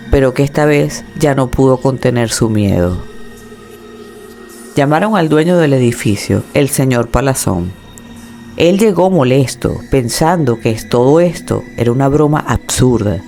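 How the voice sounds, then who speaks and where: Creaky-voiced man narrating a horror tale. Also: mid-range voice, darkish tone. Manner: dramatic, measured storytelling. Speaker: storyteller.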